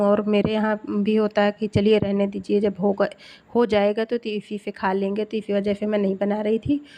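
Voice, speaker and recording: A woman's voice: medium pitch, mellow. A middle-aged woman chatting casually to viewers in a home vlog, first on a walk outdoors and then in her kitchen. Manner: chatty, addresses viewers as friends. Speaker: vlogger.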